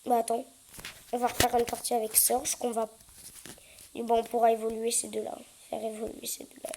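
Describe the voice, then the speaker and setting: A woman chatting through her gameplay, with lots of hesitant fillers and sudden excited yelps. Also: on the high side, fairly quick, a little hiss or hum, rough recording. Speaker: gaming YouTuber. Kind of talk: casual gameplay commentary.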